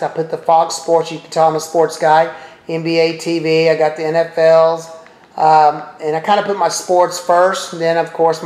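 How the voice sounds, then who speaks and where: A man's voice: a little high, a little mellow. A middle-aged man casually walking viewers through a TV streaming service, thinking aloud with chatty asides as he clicks around. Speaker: presenter demonstrating a TV streaming service. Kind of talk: casual walkthrough talking to viewers. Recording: roomy echo.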